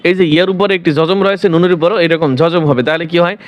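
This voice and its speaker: A man teaching the rules for reading the Quran, asking questions and answering them himself, and repeating each word slowly. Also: a little high, fairly even intonation, dry recording, highs cut off. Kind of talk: explaining rules to viewers.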